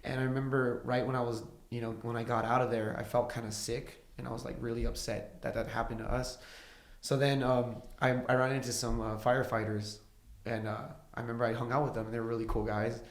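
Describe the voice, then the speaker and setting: A man's voice: medium pitch, fairly quick, echoey room. A man, a musician guest on a podcast, chatting casually and telling stories with a lot of swearing. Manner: profane, animated storytelling.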